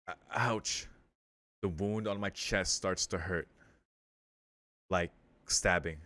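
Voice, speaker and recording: This is a deep-voiced man with a fairly bright tone, recorded with no room sound. He's running a let's play, reading the visual novel's text out loud and dropping in casual commentary full of slang and swears.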